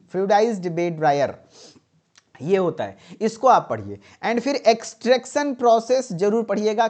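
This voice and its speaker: A man's voice: sits high, a little mellow. Man, pharmacy tutor, emphatic and repetitive exam coaching. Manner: repetitive, emphatic, checks in with "ठीक है". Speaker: pharmacy teacher. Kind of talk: exam-tips lecture.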